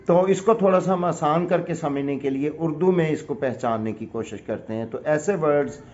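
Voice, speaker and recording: A Pakistani man with a fairly high, darkish voice and a Pakistani accent teaches an English grammar lesson. He explains patiently, step by step, using examples. The recording is dull and lo-fi.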